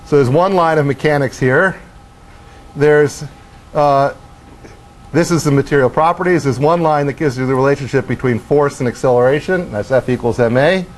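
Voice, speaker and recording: A middle-aged man giving a university lecture in a lecture hall, animated as he acts out motion and tosses wry questions to the class. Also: medium pitch, moderate pace. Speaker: professor.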